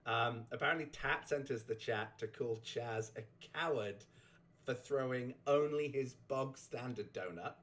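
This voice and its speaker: A man hosts a casual recap chat in a mid-range, fairly bright voice, speaking unhurriedly. He rambles and chuckles, interrupting himself to restart sentences, and his voice is just recovering from a sore throat.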